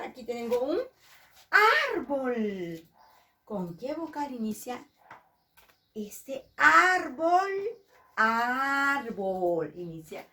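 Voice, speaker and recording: A woman teacher leading a children's lesson, drawing out words in a slow, sing-song way for small kids. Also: fairly high pitch, far from the mic.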